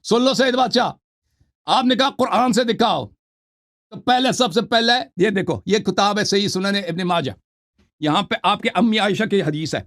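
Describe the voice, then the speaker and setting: A man hosting a call-in show, arguing a religious debate forcefully, reading out passages and talking over his opponent. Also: sits high. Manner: combative, talks over the caller, reads out book passages. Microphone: online call.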